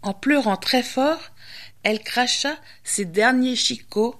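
A woman storyteller and radio host reading a children's tale aloud with lively, expressive pacing. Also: fairly high pitch, slow.

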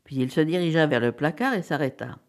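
A woman narrating a short story aloud, dramatic and animated. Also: sits low, fairly quick. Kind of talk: expressive audiobook reading.

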